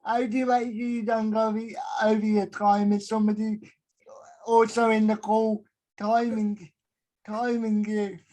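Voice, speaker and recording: A male podcast host speaks in a careful, slightly hesitant way. His pitch barely moves, which gives him a level, even tone. The setting is a casual chat over a call. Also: moderate pace. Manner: soft-spoken, careful, somewhat hesitant.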